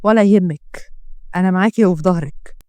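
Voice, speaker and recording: A woman's voice: lowish voice, a little fast, warm tone, no room sound, voice pushed down, natural voice. A woman voicing a sly, scheming young man with an Egyptian accent, smug and coaxing.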